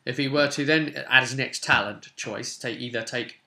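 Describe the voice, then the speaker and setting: This is a twenty-something tabletop roleplay channel host casually going over game rules and reading passages aloud at his desk in a small room at home. He talks at normal speed in a medium-pitched, creaky voice that sounds pushed and bright.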